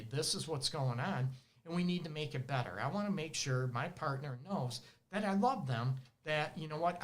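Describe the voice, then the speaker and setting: A man's voice: on the high side, fairly bright tone. A man with a Detroit accent, a relationship counselor hosting an advice show, talking animatedly and often laughing as he acts out his clients. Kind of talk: casual advice monologue. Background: dogs barking at times.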